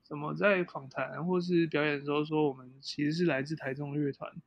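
A man's voice: on the high side, fairly even intonation, a little fast, dry recording, dull audio. A man who sings in a band, answering interview questions in a reflective way that stops and restarts. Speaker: band singer, guest. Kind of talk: casual interview chat.

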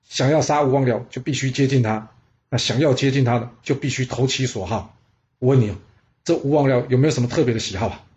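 A man's voice: medium pitch, fast talker, muffled recording, lightly acted. A man voicing a humble, brave butcher who speaks in a raised, earnest voice. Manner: raised excited voice.

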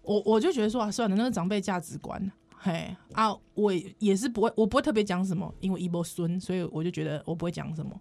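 A woman's voice: mid-range voice, fast talker, gravelly, few pauses, darkish tone. A woman with a Taiwanese Mandarin accent telling a story in casual podcast chat, slipping into Hokkien and laughing often. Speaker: podcast co-host.

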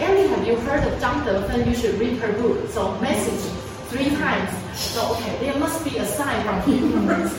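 A woman in her forties from Taiwan, whose first language is Mandarin, giving a chatty personal testimony talk at a sharing event, repeating words and laughing often. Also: fairly high pitch. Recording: echoey room from far off, noisy.

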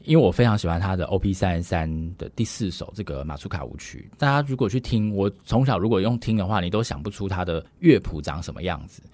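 A man, a music scholar explaining in a measured, lecturing way with frequent fillers. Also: low voice, expressive, a little mellow, dry recording. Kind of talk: explanatory podcast conversation.

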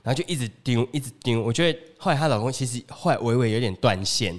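A man from Taiwan co-hosting a casual podcast chat, telling travel stories in an animated way and acting out the people he overheard. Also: medium pitch, fast talker. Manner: animated storyteller, acts out overheard people in raised voices. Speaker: podcast co-host.

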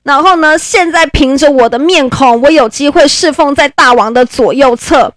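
A woman's voice: sits high, moderate pace, dry recording, studio quality, pitched above the performer's own voice, lightly acted. A woman voicing an anxious, tearful ancient male courtier who pleads plaintively in a storytelling podcast.

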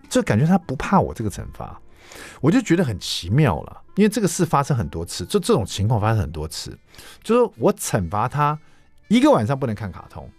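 A man with a Taiwanese Mandarin accent, a cookbook author telling family stories as a radio guest, animated and acting out quotes. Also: medium pitch, dry recording. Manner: animated storyteller, acts out quotes. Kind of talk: anecdotal radio interview talk.

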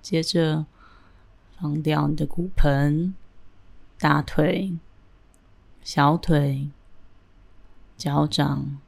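A woman leads a guided breathing and relaxation meditation, her low voice touched with vocal fry. She's calm, gentle, and soothing, pausing deliberately.

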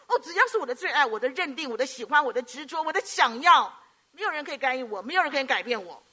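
A middle-aged woman from Hong Kong, preaching a sermon with animated storytelling and frequent rhetorical questions. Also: sits high.

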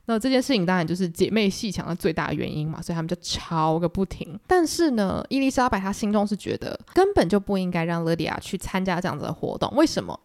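Young taiwanese-accent woman, chatty book podcast, super quick talker. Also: mid-range voice. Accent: Taiwanese Mandarin. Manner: chatty, animated, acts out the quotes. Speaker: podcast host. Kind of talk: casual book-club retelling.

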